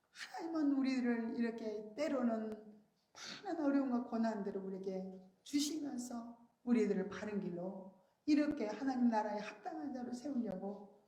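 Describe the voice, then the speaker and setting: High-voiced woman preaching in an echoey church. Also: dark tone. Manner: earnest storytelling, rises high on emphasis. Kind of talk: sermon. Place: church sanctuary.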